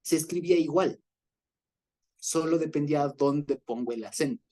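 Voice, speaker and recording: A man leading an informal Bible study, explaining patiently, checking in with his listeners and pausing on fillers as he searches for words. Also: fairly high pitch, mellow. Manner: explanatory, often checks in with a questioning "ya?"; hesitant, with fillers and restarts.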